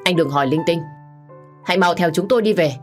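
A woman's voice: fairly low pitch, fast talker, close to an everyday voice. A young policewoman torn between duty and love, firm and strained, in a romance audiobook, read by a woman. Faint music sits underneath. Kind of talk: audiobook character voice.

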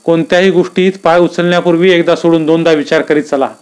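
A man's voice: sits high, steady tone, moderate pace, voice pushed up, natural voice. A man voicing an anxious middle-aged wife who speaks in a worried, warning way.

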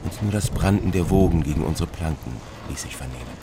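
Man, dramatic first-person narrator, low voice, very expressive, noisy old radio recording. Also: fairly quick. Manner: dramatic, storyteller's delivery.

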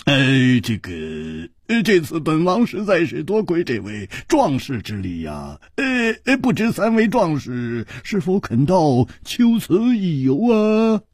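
A stately old king from a storybook, halting and humming between grand phrases, as a husky male storyteller puts him on. Husky, close and dry. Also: on the high side, huge pitch swings, a little mellow, dry recording, full character voice. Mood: hesitant. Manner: halting, full of hums and pauses. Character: hesitant, pompous older king.

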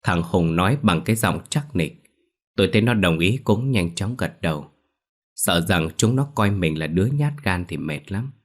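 A man reading a ghost story aloud as narrator, steady and measured. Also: low voice.

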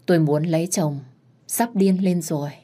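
A woman's voice: lowish voice, normal speed, dark tone. Young woman narrating a story.

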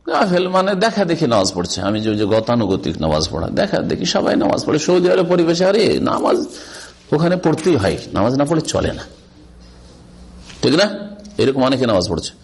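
A man's voice: fairly high pitch, sing-song, brisk, breathy edge. A middle-aged man giving a religious lecture on hadith, explaining with rhetorical questions and reciting Arabic passages. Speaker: Islamic scholar teaching hadith.

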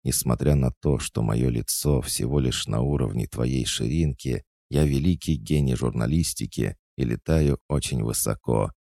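A man voicing a pushy, teasing tiny young female student journalist in an audiobook, pitching well above his own voice. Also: normal speed, gravelly, few pauses, mellow, no echo, clean studio sound, full character voice. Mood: purring mock-hurt. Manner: mocking, teasing.

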